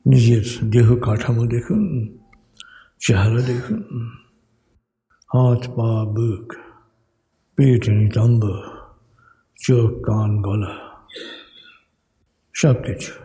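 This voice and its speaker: A man leading a guided meditation in slow, soothing, measured instructions with pauses. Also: medium pitch, warm tone. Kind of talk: guided meditation, hypnotic countdown. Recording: long hall reverb over music. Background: music.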